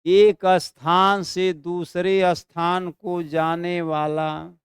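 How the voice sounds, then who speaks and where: Dictating slowly in an online Hindi class for exam prep, a male teacher draws out words, repeats them, and checks in with his students. His high-pitched voice is smooth, his delivery flat, and the recording dry.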